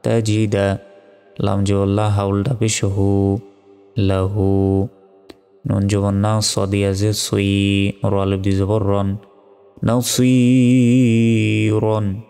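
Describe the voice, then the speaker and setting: A man teaching Quran reading, spelling out each word slowly and evenly, then reciting it in long drawn-out tones. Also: fairly low pitch, clear, resonant tone, in a large hall, soft background music. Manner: slow, even spelling drills, with drawn-out recitation.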